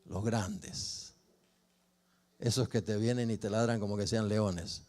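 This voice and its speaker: An older man, a pastor telling a personal story in a sermon with expressive rises and falls. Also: on the low side, takes it slowly. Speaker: pastor and family counselor.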